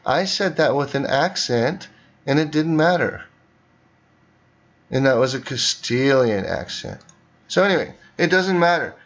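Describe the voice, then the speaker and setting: A man's voice: medium pitch, animated, unhurried, long pauses, fairly bright tone, lo-fi sound. A man teaching students, narrating a screen tutorial and talking through each click step by step.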